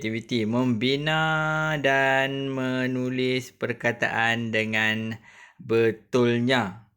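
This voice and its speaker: A young man with a Malaysian Malay accent teaches an online spelling lesson, sounding out each syllable with patient care. His pitch sits at an ordinary middle height, and his delivery is slow and unhurried. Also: fairly bright tone, clean tone. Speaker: primary school teacher.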